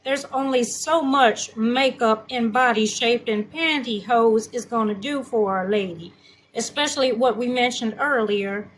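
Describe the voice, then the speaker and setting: A woman's voice: a little high, measured pace, a little hiss or hum, natural voice, rough recording. A woman voicing a sassy, blunt makeup consultant who talks in slang.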